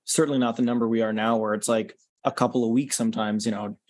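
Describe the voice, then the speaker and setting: A man's voice: lowish voice, fast, no echo. A man, a podcast guest talking casually and explaining things, with frequent fillers and restarts. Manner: relaxed, many "um" and "you know" fillers. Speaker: podcast guest, concert organizer. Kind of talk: casual interview chat.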